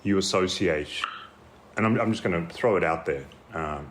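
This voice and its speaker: A man's voice: sits low, moderate pace, slight background noise, natural voice. A man playing a rambling male therapist who stammers through false starts and hedges constantly. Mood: hedging. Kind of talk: improvised comedy dialogue.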